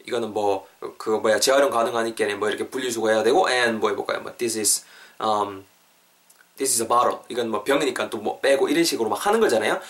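A man's voice: fairly low pitch, a little fast, fairly bright tone. A man hosting a casual podcast lesson. He is chatty, fills his talk with fillers, and repeats and spells out phrases. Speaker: English teacher and podcast host.

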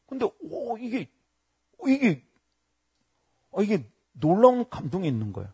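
A husky, high-voiced middle-aged man preaches at a normal speed. As a pastor telling stories in his sermon, he keeps things lively and voices the characters he quotes.

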